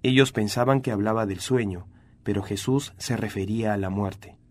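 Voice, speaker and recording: A man reading scripture aloud, with a steady and even delivery. His voice sits somewhat low. He keeps a calm, narrating tone throughout. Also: normal speed. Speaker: Bible reader.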